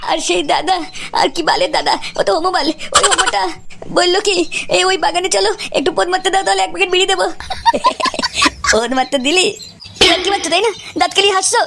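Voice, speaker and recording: Gravelly high woman, brash cartoon voice. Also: fast talker. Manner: brash, crude and jokey. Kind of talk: comedic cartoon voice acting. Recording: loud background noise.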